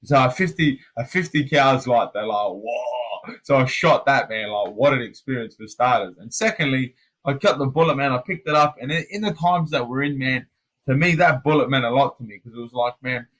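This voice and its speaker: A man's voice: mid-range voice, brisk, rough recording. Chatty Australian man telling stories. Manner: animated storyteller, peppers speech with "man" and "mate". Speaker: podcast guest, professional fighter. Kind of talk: casual storytelling chat.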